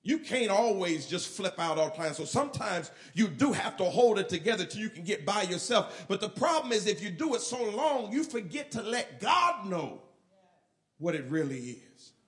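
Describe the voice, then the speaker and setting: A male pastor preaching a sermon, shifting from quiet, low asides to shouted and half-sung lines. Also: big pitch swings, normal speed.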